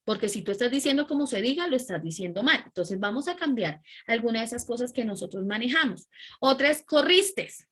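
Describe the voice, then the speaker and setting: A woman teacher giving an animated class and often checking in with her students. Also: on the high side, fast talker, breathy edge. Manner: animated, keeps checking in with "¿sí?" and "¿listo?". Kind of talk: online class lecture.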